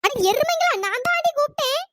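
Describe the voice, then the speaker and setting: Scolding cartoon elder sister, voiced by an actor, weary, high pitched-up voice, quick. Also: lively intonation, heavy background noise. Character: exasperated older village sister, scolding. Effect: pitch-raised voice. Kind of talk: cartoon storytelling dialogue.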